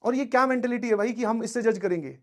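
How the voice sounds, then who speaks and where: High-voiced male teacher, chatty pep talk. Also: fast talker. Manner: conversational, keeps checking in with listeners; tells personal anecdotes. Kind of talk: motivational talk to students.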